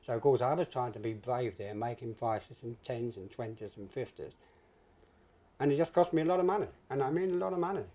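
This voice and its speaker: Older British male interviewee, soft mellow tone, hesitant conversational recollection with emphatic repeats. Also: medium pitch, a little fast. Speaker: interviewee, retired stock jobber. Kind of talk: reminiscing in an oral history interview.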